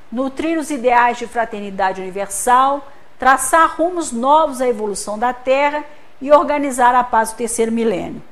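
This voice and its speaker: A Brazilian woman with a high, light voice delivers a spiritist center lecture as a practiced speaker before a gathered audience. She explains patiently, draws on homely examples, and keeps checking that everyone is following.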